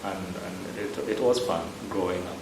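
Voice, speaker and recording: A Kenyan-accented man speaks as a parish priest, answering questions slowly and with many hesitations. His voice sits low. The room is echoey, and a steady background ambience sounds loud behind him. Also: slight background noise. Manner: measured, unhurried, with frequent hesitations.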